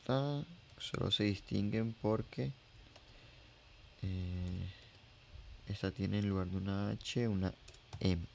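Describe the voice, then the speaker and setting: A man's voice: lowish voice, slow pace, vocal fry, long pauses, a little hiss or hum. A man teaching a coding tutorial over his screen, explaining each step, repeating phrases and thinking aloud with fillers. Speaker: R programming instructor.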